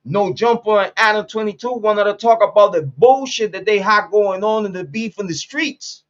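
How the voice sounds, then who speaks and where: A man's voice: sits high, normal speed, muffled recording. A man in his late forties from Puerto Rico, hosting a casual commentary monologue in a blunt, profane way, repeating phrases for emphasis. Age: 40s. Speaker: commentary channel host.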